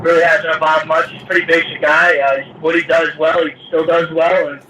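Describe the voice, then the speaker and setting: Casting: man, higher-pitched bright voice, halting answers on a press call, phone-line sound. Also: level tone, slight background noise. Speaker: participant answering questions on a press conference call. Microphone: telephone conference call. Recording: muffled radio-like phone conference line.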